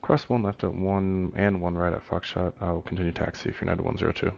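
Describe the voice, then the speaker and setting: A man's voice: low voice, flat delivery, quick pace, gravelly, a little mellow. A man talking as a pilot over the radio, using clipped radio phrasing with a few hesitant fillers, his voice heard as a muffled, distant transmission. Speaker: airline pilot on a flight simulation network.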